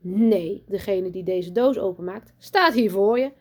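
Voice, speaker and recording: A woman voicing a strict, pompous headmistress in a children's storybook reading, loud, high and commanding. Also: measured pace, lightly acted. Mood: bossy. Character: strict pompous female headmistress, bossy and boastful.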